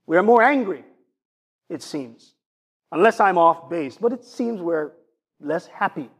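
A man with a Jamaican accent delivers a sermon as a pastor, in a fairly high voice. He puts rhetorical questions to his congregation and builds his points through a list of ideas. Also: lively intonation, a little slow, slightly rough.

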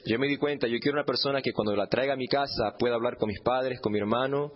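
A man with a mid-range, steady voice talks fast, and the audio sounds dull. He is a church testimony speaker sharing his personal story as humorous storytelling, playfully acting out bits of dialogue.

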